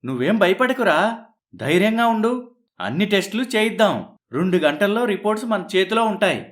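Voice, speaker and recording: A man's voice: sits high, sing-song, a little fast, fairly bright tone. A man voicing a cheerful family doctor in a cartoon story, hearty and reassuring. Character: cheerful family doctor, father's old friend.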